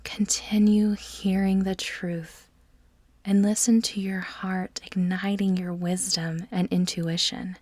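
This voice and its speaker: Soft and breathy, almost a whisper, a woman's medium-pitched voice narrates a guided meditation with little pitch movement. She speaks in a calm, measured way and pauses deliberately between phrases. There is no room sound.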